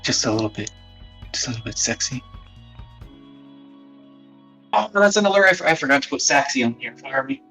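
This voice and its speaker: A man's voice: medium pitch, very animated, fast, bright, forceful tone. Man sounding boxy, as if inside a box. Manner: rambling, swearing, self-mocking, often muttering under his breath. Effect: boxy speakerphone sound, as if inside a box. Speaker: live streamer. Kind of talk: casual live stream chat. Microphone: phone used as a wireless webcam mic. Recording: distant boxy phone mic. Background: faint background music.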